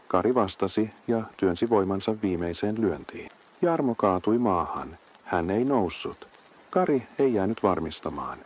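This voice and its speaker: Guy narrating a horror story, low mellow voice, steady and even. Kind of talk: scripted narration.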